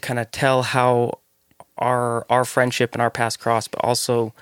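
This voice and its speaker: A man hosting a casual podcast interview, opening with an energetic welcome and then chatting loosely with fillers. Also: mid-range voice, unhurried, clear, resonant tone, no echo, clean studio sound. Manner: energetic hype intro, then relaxed with fillers. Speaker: podcast host.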